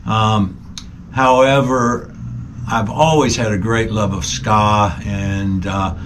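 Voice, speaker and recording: A middle-aged man, a band member, chatting casually in a relaxed way with frequent pauses and ums. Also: fairly low pitch, a little hiss or hum. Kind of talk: casual conversation.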